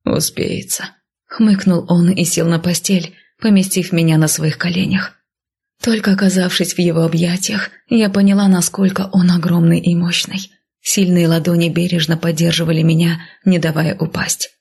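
Audiobook narrator, woman, measured first-person reading, gravelly and low. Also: flat delivery, darkish tone.

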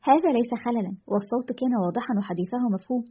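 A weary, cynical male radio host, put on by a woman reading the story speaks in a grim, detached way. The voice is husky and rushes along at a very fast pace, heard through a dull, lo-fi recording. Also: on the high side.

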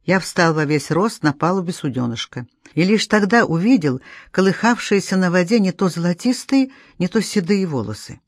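Woman calmly reading a novel aloud. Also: lowish voice, normal speed, hardly any pauses, no room sound, clean studio sound. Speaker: audiobook reader.

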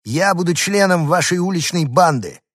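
A man voicing a small, stubborn pampered male pet dog who shouts and squeals eagerly, in a storybook reading. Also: lively intonation, moderate pace, no room sound, clean studio sound. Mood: gruff boasting. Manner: shrill, shouting.

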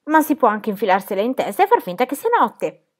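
A brash, cheerful storybook girl who boasts and exclaims, as a woman reads her out. Her voice sits high and leaps about with lively swings. She sounds fearless and pleased with herself. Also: fast talker. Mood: bold, cheery. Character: bold cheerful girl, boastful tall-tale teller.

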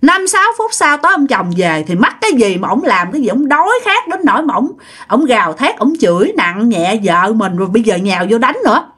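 A woman narrates a ghost story conversationally, speaking directly to her listeners. Her voice is fairly high, bright, and husky, and she is very animated and fairly quick.

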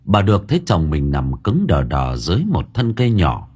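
A man narrating a spooky village story dramatically, dropping to hushed lines and rising again. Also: wildly swooping pitch, normal speed, husky. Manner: dramatic, swinging between hushed low lines and raised ones. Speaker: audiobook narrator.

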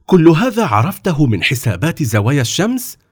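A man's voice: mid-range voice, very animated, fairly quick, no echo, studio quality. A man voicing a powerful, curious sultan in a storybook reading, speaking in a commanding, questioning way. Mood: amazed.

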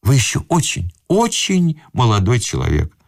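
A man voicing a flustered elderly gentleman in a raccoon coat, fussy and pleading with wounded dignity. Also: medium pitch, wildly swooping pitch, moderate pace, vocal fry, no echo, clean studio sound, pitched above the performer's own voice, exaggerated voice. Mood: fretful pleading. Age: older.

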